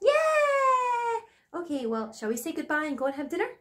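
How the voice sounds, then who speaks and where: A woman who hosts a children's educational show and speaks gently and reassuringly. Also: sits high, rapid-fire. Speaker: host.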